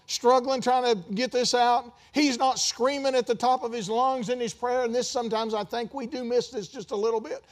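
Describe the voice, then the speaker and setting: Male pastor, high voice, conversational sermon, swings into loud emphatic peaks. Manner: conversational preaching with rising emphatic bursts and asides.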